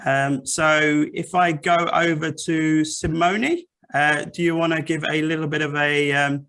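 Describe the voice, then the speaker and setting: A man's voice: on the high side, fairly even intonation, measured pace, clear, resonant tone. A man hosting an online investing panel from an office, talking in a friendly way with many fillers. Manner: friendly, filler-heavy, bright. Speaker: forum host. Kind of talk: video call panel moderation. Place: office room.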